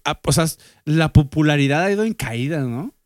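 A man's voice: a little high, moderate pace, dry recording, clean studio sound. A man with a Mexican accent co-hosting a casual podcast, telling funny stories and acting out quotes. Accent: Mexican Spanish. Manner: animated storyteller acting out quotes. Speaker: podcast co-host.

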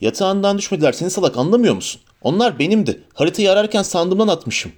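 A man's voice: sits high, sing-song, fast talker, darkish tone, pitched above the performer's own voice. A man doing an exasperated teenage boy wizard. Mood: agitated. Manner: raised, impatient delivery.

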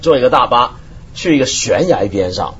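A man's voice: medium pitch, moderate pace, breathy edge. A man from Hong Kong, a talk show guest in casual chat, telling stories expressively and acting out what others said. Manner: expressive storyteller, acts out quotes. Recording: slightly muffled broadcast audio.

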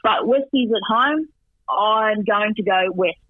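Male guest analyst, talkative, stats-heavy, high voice down a phone line. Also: lively intonation, slow, dry recording. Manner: chatty, rattles off stats with asides. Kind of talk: radio sports recap and tips by phone. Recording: tinny dry phone line.

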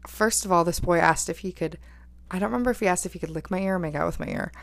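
Young woman, early 20s, casual storytime delivery, fry-heavy, dry sound. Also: on the low side, very fast, no echo. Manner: chatty, lots of "like", laughs while telling.

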